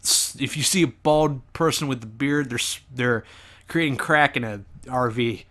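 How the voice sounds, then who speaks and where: A man doing reaction commentary over his old gameplay video, animated, sarcastic and joking. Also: mid-range voice, moderate pace. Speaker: let's play commentator.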